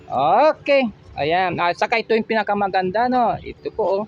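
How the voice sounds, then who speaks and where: Chatty high-voiced Filipino man vlogging. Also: sing-song, normal speed, highs cut off, a little hiss or hum. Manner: chatty, asks prices, addresses viewers as friends. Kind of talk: casual walk-through vlog. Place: outdoor market stalls.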